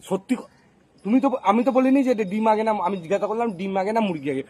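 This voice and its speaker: A man's voice: sits high, fast talker, darkish tone. A man from Bengal running a prank interview, teasing and repeating the same question over and over.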